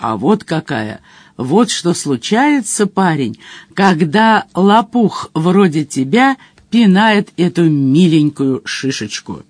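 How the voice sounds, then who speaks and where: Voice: medium pitch, sing-song, slow pace, dry recording. A reader voicing a brash, streetwise male otter rogue who teases his companions with slangy banter in an audiobook. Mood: boastful. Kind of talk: audiobook character voice.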